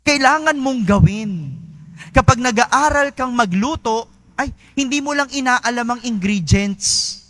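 Slow, high-voiced priest preaching. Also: male voice, sharp tone. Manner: conversational, asks listeners "no?" often. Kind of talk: homily.

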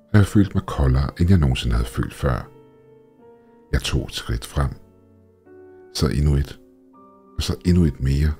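A man reading a horror story aloud in a steady, measured, scripted narration. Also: extremely low pitch. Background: faint background music.

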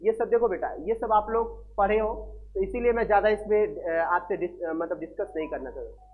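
A man's voice: high-pitched, brisk. A man teaches a physics lesson, mixing English terms into his explanation. He keeps asking his students questions and repeats each value twice. The sound is thin and phone-like, as if recorded on a cheap mic. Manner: addresses students as beta, repeats key values and asks quiz questions. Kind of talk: classroom lecture.

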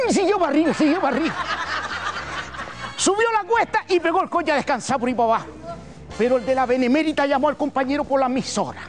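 An older man with a Canarian accent, a humorist telling a folksy comic story on a TV gala stage. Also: extremely high pitch. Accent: Canarian Spanish. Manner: folksy, colloquial, animated.

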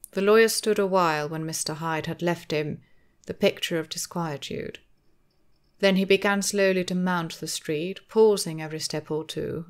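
A woman narrating an audiobook of a classic novel in a measured, expressive reading. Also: low voice.

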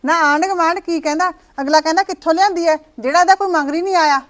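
An actress playing a sharp-tongued mother-in-law who nags and scolds her daughter-in-law, in a village short-film drama. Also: extremely high pitch, fast talker. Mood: scolding. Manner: scolding, nagging.

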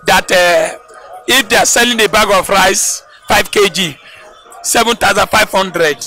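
A middle-aged Nigerian man giving an impassioned street interview, gesturing and raising his voice outdoors on a busy road. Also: sits high. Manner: heated, gesturing, rising to shouts. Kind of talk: vox pop street interview. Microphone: handheld mic held by interviewer.

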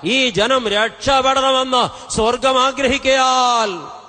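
A middle-aged male preacher delivers a fervent revival sermon from a podium on a convention stage, his high-pitched voice booming through a reverberant hall sound system via a stand microphone close to his mouth. He speaks slowly with a sharp tone. Impassioned and exhorting, he stays emphatic with repeated phrases.

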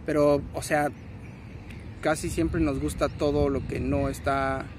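A man's voice: a little high, level tone, measured pace. Slangy Mexican man vlogging outdoors. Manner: slangy, rambling, self-correcting. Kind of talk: casual selfie vlog. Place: city park outdoors. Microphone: phone at arm's length. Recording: outdoor noise, passing traffic.

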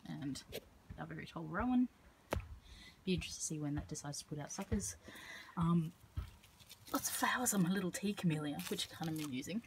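Unhurried woman rambling through her garden. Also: on the low side, darkish tone, a little hiss or hum, rough recording. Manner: unhurried, rambling, frequent ums. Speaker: herbalist showing her garden. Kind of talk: casual garden tour. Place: outdoor home garden. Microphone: handheld phone.

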